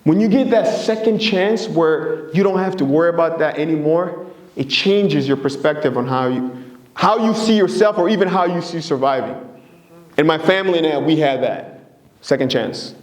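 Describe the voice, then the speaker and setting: A man's voice: fairly high pitch, expressive, moderate pace, echoey room. A man from Congo, giving an earnest, engaging presentation to an audience. He often checks in with them. His first languages are Swahili, Lingala and French. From Democratic Republic of Congo.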